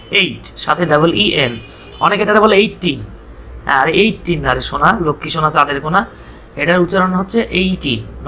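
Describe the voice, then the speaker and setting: A man with a Bangladeshi accent teaching English, reading story lines slowly and explaining them with playful, teasing asides. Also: a little high, sharp tone, a little hiss or hum.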